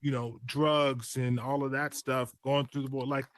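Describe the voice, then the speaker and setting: A man's voice: medium pitch, flat delivery, moderate pace, no echo, studio quality. An American man in casual conversation, giving his opinions with emphasis.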